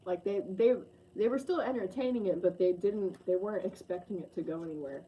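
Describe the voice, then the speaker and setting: A woman's voice: medium pitch, a little fast, slight background noise. Woman, late 20s, tarot reader: effusive, sentimental, casual to-camera delivery, muffled lo-fi sound.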